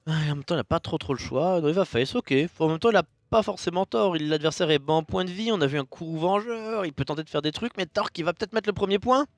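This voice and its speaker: A man giving casual, jokey commentary on a card game match, with sudden bursts of loud enthusiasm. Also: on the high side, quick pace, hardly any pauses, no room sound.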